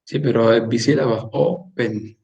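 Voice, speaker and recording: Male student, slow hesitant delivery, mid pitch, remote call audio. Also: gravelly, darkish tone, highs cut off. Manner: slow, hesitant, thinking aloud. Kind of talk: answering in an online class.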